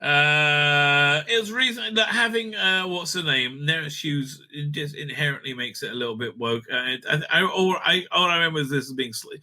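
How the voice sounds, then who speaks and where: A man hosting a casual review of audio drama releases talks at a moderate pace with few pauses, his voice a little high and sharp in tone. He's blunt, sweary and opinionated, rambling and repeating words along the way.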